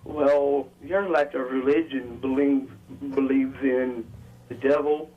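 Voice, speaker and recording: Muffled phone caller, guy, husky and emotional like he's about to cry, halting but earnest. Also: medium pitch, fairly even intonation. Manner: earnest, hesitant. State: emotional, close to tears. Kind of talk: halting call-in argument. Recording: dull radio-like phone line.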